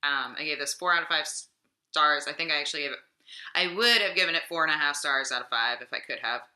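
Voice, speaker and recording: A young adult woman speaks quickly in a low-pitched voice that's pushed and bright. As a book vlogger with a slightly sick voice, she rambles about her week's reads with lots of fillers, recorded in an echoey home room.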